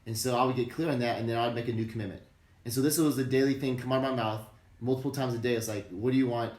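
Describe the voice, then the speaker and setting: A man talks openly as an interview guest, his voice earnest and emphatic, with casual swearing. His pitch sits right in the middle. The recording carries a roomy echo around him. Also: steady tone, racing, a little mellow. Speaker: podcast guest. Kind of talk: candid interview talk.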